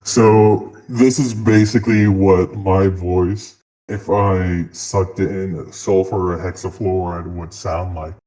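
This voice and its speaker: Man with a deep gas voice effect. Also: steady tone, slow, mellow, low-quality recording. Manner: playful, testing his altered voice. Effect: deep sulfur hexafluoride gas voice changer. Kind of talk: casual chat.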